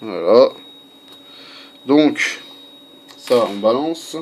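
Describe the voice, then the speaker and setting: Very slow and lively in intonation, a medium-pitched man shows how to replace an airgun part in an informal home tutorial. He talks loosely, full of fillers and asides, with construction sounds faintly in the background.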